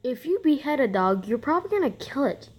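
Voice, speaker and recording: A woman with a fairly high voice comments casually, sounding sceptical and teasing. The recording is noisy, with clicks. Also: big pitch swings, fast, darkish tone. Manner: sceptical, mocking. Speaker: reaction commentator.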